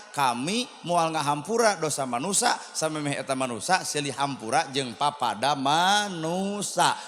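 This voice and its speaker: A man with a Sundanese accent preaching a sermon to a congregation, telling stories and acting out their dialogue with loud bursts. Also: fairly high pitch. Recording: long hall reverb, faint background noise.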